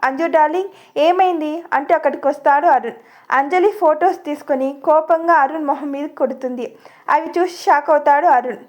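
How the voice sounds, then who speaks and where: Woman storyteller, high voice, lively dramatic reading of a family story. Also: a little fast.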